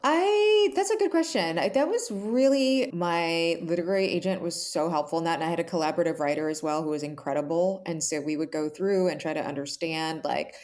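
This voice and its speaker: Here a woman with a fairly low, slightly mellow voice talks quickly with hardly any pauses. She's an author being interviewed, giving earnest, reflective, explanatory answers conversationally, often using "like" and asking "right?".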